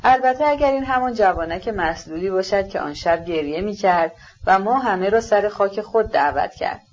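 A woman reading the lines of a polished young male aristocrat in an ironic, measured way. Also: medium pitch, animated, dull audio, close to an everyday voice.

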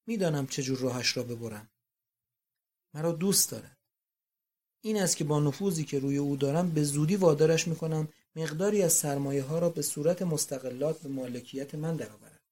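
Audiobook: assured young wife, read by the narrator, soft and confiding. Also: female voice, deep voice, breathy edge. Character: young society wife, self-assured and affectionate. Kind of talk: audiobook reading.

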